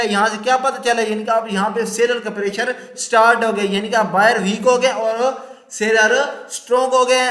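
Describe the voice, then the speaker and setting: A man who teaches chart patterns to beginners, talking fast with many fillers and restarts. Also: high-pitched, sharp tone. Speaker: trading teacher. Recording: echoey room.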